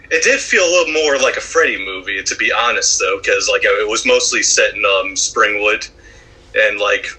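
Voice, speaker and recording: A man's voice: on the low side, moderate pace, sharp tone, husky, rough recording. A man co-hosting a casual podcast chat, talking in a rambling, hesitant way. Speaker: podcast co-host.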